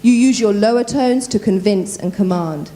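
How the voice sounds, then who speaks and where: A woman voice coach giving a lively workshop at a conference, talking quickly and quizzing the audience. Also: medium pitch. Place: conference room.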